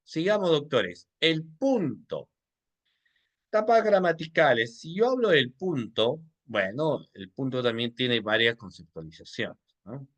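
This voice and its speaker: A man's voice: medium pitch, sing-song, a little slow, a bit bright. A man teaching an online class on legal writing, who quizzes his listeners, repeats his questions and addresses them as doctors. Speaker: law instructor.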